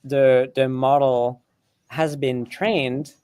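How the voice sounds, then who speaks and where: Speaking very slowly in a mid-range, fairly even voice, this co-host of a live coding stream sounds a little mellow, clear, and resonant, with no room sound. English isn't his first language, and his chatty explanations are full of restarts, fillers, and frequent laughter.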